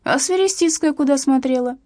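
A woman voicing an irritable, sharp-tongued woman who snaps indignantly, in an audiobook. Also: high voice, brisk, no room sound, studio quality, voice pushed up, natural voice. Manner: snappy, indignant.

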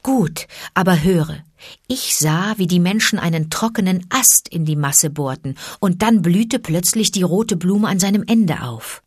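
A woman reading an audiobook, voicing a calm, wise male panther who speaks low and confiding. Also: a little slow, slightly rough, dry recording, studio quality. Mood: urgent. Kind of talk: audiobook character voice.

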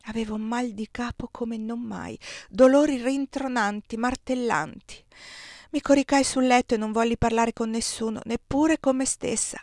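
A woman reading a novel aloud in the first person, with an expressive, measured delivery. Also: fairly high pitch, dry recording, studio quality. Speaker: audiobook reader. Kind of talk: novel narration read aloud.

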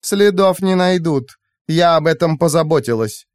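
A cold, sarcastic rogue AI woman, put on by a man, pitched high above a male voice. Her tone drips with honeyed mockery and swings widely. The sound is dry and close. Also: animated, normal speed, darkish tone, no echo, lightly acted. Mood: mocking, cold.

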